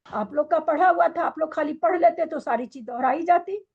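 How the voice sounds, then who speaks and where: A woman's voice: high-pitched, a little fast, vocal fry, narrow, tinny audio. A woman teaching a scripture study class, quizzing and scolding her students with pointed questions.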